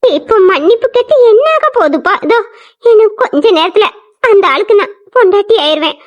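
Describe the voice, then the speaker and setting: A woman's voice: very high voice, expressive, a little fast, dull audio. A woman voicing a mistreated, grieving young bride in a cartoon drama, crying and pleading. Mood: tearful. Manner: tearful and pleading.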